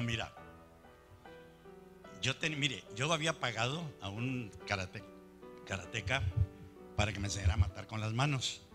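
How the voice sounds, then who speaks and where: A man, telling his faith testimony in a preaching style, animated and chuckling as he recounts. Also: medium pitch, creaky. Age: 60s. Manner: animated storytelling, chuckling asides. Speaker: church brother giving testimony.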